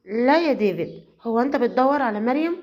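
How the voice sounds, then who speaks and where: A woman doing a helpful young woman friend, Egyptian Arabic accent, quick, dark tone. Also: a little high, expressive, natural voice. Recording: slightly muffled lo-fi audio.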